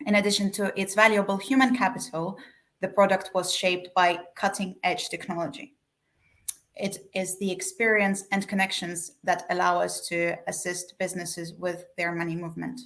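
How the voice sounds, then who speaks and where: A woman's voice: on the low side, flat delivery, normal speed, fairly bright tone. Young woman presenting a webinar. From Estonia. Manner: reads a prepared script evenly. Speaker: webinar speaker, sales manager.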